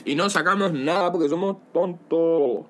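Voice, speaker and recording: A man with a Venezuelan accent, partly softened, chatting casually as podcast co-host with autotune on his voice and slangy, laid-back banter. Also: fairly high pitch, normal speed. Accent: Venezuelan, partly softened toward Spain. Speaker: podcast co-host, music artist. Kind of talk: casual chat.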